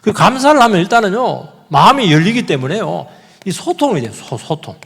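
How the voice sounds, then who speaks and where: A male pastor preaching a sermon in a church, animated, repeating key words and putting questions to the congregation. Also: sits high, brisk, gravelly, husky, long reverb tail. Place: church sanctuary.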